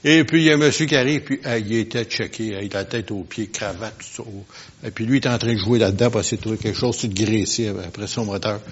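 A man preaching a sermon. He talks with the congregation in a conversational way, asks them questions, and swings from quiet asides to loud, emphatic bursts. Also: fairly low pitch, fairly even intonation, fast talker, slightly rough. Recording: lo-fi, dull sound.

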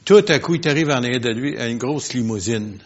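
A man preaching a sermon. He talks with the congregation in a conversational way, asks them questions, and swings from quiet asides to loud, emphatic bursts. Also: mid-range voice, fairly quick. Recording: lo-fi, dull sound.

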